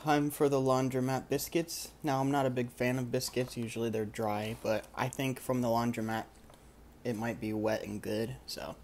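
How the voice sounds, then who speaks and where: A young man in his twenties doing a dry, deadpan comedy food review into a close-held phone camera indoors. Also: mid-range voice, moderate pace, a little hiss or hum. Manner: dry, deadpan, crude humor. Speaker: comedy vlogger. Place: small indoor laundromat by a window.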